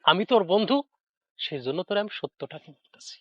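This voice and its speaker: A sneering meddling village friend. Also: male voice, sits high, animated, brisk, husky, dry recording, dull audio. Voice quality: sneering, insinuating. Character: gossiping meddling village friend, young man.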